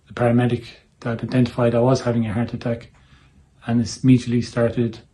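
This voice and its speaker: A man in his fifties speaks with a Dublin accent in a mellow, relaxed voice. His pitch stays very even as he gives a prepared personal testimonial. He delivers it in short, measured phrases. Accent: Dublin Irish. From Dublin, Ireland. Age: 50s. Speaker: patient giving a testimonial.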